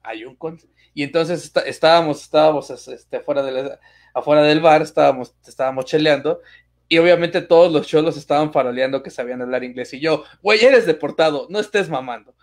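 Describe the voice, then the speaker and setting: A man's voice: a little high, fairly even intonation, a little fast, darkish tone. A man co-hosting a casual podcast, telling stories in crude slangy banter with bursts of laughter. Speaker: podcast co-host. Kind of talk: casual chat, storytelling.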